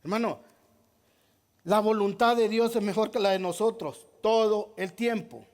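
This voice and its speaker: Man, very high voice, pastor preaching, emphatic, rhetorical questions, repeats himself. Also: unhurried, darkish tone. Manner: repeats key phrases, addresses listeners as brother. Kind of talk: sermon.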